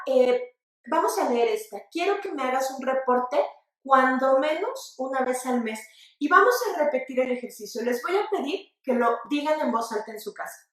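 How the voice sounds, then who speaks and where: High-voiced Mexican woman teaching spelling. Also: very echoey, distant mic. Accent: Mexican Spanish. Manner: lively, addresses viewers directly, asks them to repeat aloud. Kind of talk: online grammar lesson. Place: studio set with floor manager.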